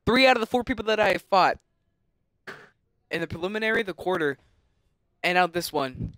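Excitable male gamer, lively swinging pitch, dry close-mic sound, casual let's-play commentary. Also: no echo. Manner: excitable, yells sound effects and taunts. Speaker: gaming commentator.

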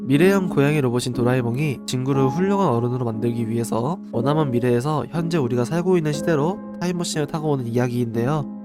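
Higher-voiced man hosting horror tales. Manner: explanatory, poses questions to co-host and listeners. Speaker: radio-style horror story channel host. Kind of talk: conversational storytelling of urban legends. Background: music behind the voice.

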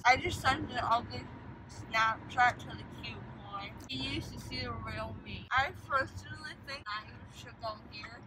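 A woman's voice: on the high side, normal speed. A young woman, loopy and whiny after dental anesthesia, rambling casually in a car with a numb, gauze-stuffed mouth that slurs and muffles her words. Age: young adult. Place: inside a car. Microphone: phone held by another occupant. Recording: noisy car interior, phone video.

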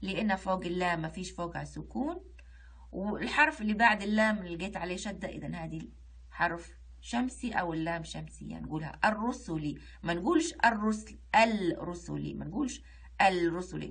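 A woman with a Libyan Arabic accent teaching an online reading lesson to children, reciting verse slowly word by word and explaining how each word is pronounced. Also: lowish voice, expressive, creaky, husky. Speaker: primary school Arabic teacher.

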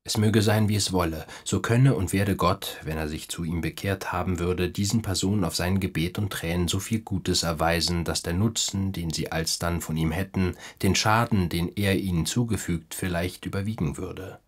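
A man narrating a literary audiobook in a measured, even storytelling manner. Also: sits low, husky.

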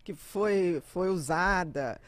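A woman with a Brazilian Portuguese accent chats as a podcast guest, telling stories in an animated way and slipping into the voices of the people she describes. Her voice is close and dry, with no room sound around it. She laughs easily between her points. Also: fairly low pitch, slow pace, dry recording. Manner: lively storyteller who acts out family members and laughs often. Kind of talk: casual interview chat.

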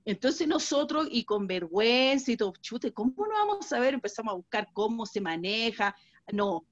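A woman with a Chilean accent, a participant in an online training, tells an animated story and often quotes voices. Her voice sits a little high. The audio sounds dull and lo-fi, like an online call. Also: normal speed. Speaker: workshop participant.

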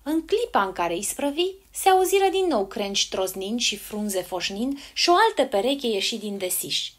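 Woman reading a fairy tale aloud. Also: mid-range voice. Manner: expressive storybook narration. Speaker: storyteller.

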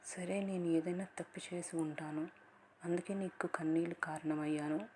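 A woman reading as a tender young male lover, low and even. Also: normal speed, slight background noise, natural voice. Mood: pleading. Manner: pleading, apologetic. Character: young man, a hot-tempered but tender lover.

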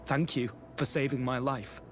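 An actor playing a wounded, grateful young recruit in a video game. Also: male voice, mid-range voice, level tone, moderate pace, faint music behind, lightly acted. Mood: weak, grateful.

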